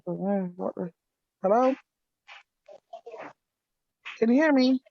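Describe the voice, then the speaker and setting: A woman's voice: medium pitch, slow pace, gravelly, no room sound, lo-fi sound. A woman on a video call whose audio keeps breaking up and dropping out, repeatedly asking if she can be heard. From Jamaica. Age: 30s. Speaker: guest in a video call conversation. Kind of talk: casual chat over a video call. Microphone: computer or phone on a video call.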